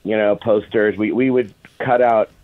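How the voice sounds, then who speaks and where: Interview guest: middle-aged man, low register, informal storyteller, narrow phone-line audio. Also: steady tone, moderate pace, a little hiss or hum. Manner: informal, quotes past dialogue in anecdotes. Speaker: interview guest, film producer. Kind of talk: casual anecdotal storytelling. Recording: phone-like, band-limited radio sound.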